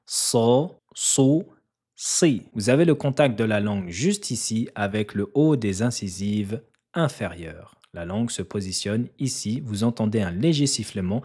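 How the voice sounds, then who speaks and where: A man teaching a recitation lesson, who patiently repeats syllables and chants verses louder for learners to echo. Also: fairly low pitch, animated, normal speed, breathy edge. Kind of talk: slow tajwid lesson with recitation.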